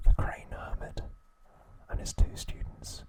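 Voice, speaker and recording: This is an ASMR-style recap from a channel's male host. He whispers quietly in brief, deliberate bursts, his voice airy and unvoiced.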